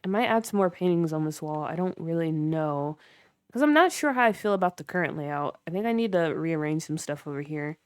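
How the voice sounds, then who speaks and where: Brisk and animated, a young woman with a deep, smooth voice chats through a filler-laden tour of her game build during a livestream, responding to viewers. The sound is clean studio quality with no echo.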